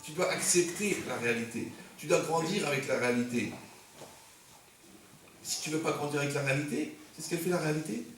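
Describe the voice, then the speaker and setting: A rabbi with a fairly high, slightly bright voice gives a brisk, humorous sermon, cracking jokes and firing rhetorical questions at the congregation. He's in a community center hall, recorded from a distance, so there's echo and a bit of faint noise.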